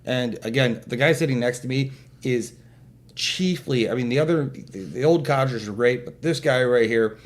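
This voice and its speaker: A man's voice: mid-range voice, moderate pace. A man telling a long story in casual chat, jokey and self-deprecating, acting out quotes. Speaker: event organizer guest.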